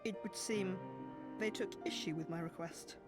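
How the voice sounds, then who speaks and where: An actress playing a kindly, deferential servant who speaks softly and haltingly in a video game. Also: female voice, medium pitch, close to an everyday voice. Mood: gentle. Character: meek, kindly servant, gentle and hopeful. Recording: loud game music behind.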